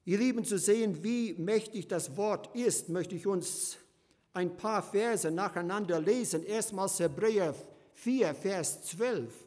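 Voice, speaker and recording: A man preaching a sermon, swinging between loud emphasis and hushed, slow passages as he addresses his listeners fondly. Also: high voice. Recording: long hall reverb.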